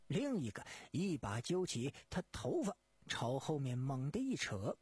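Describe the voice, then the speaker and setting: A storyteller narrating a dramatic tale in an expressive, measured way. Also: medium pitch, slightly rough, no echo.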